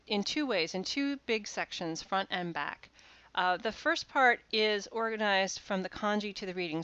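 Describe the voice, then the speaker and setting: Female lecturer, smooth lower voice, dry close mic, dull lo-fi sound, patient explanatory delivery with fillers. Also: a bit bright, no room sound. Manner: explanatory, with frequent "uh" and restarts. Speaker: university lecturer. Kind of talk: recorded course lecture.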